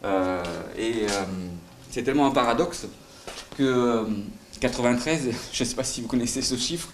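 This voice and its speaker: At a conference, a middle-aged man with a light southern French accent gives a live sales talk, hesitant and filler-heavy, asking questions of the audience. He speaks at normal speed in a mid-range voice. The conference room sounds roomy, with faint noise.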